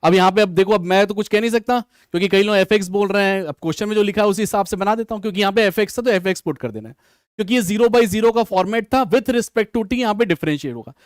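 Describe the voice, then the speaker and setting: Male online maths tutor, high voice, Hindi-English mix, thinks aloud and answers student comments, dry close mic. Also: fast, no echo. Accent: Hindi mixed with English maths terms. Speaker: maths teacher. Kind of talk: live online exam solution class.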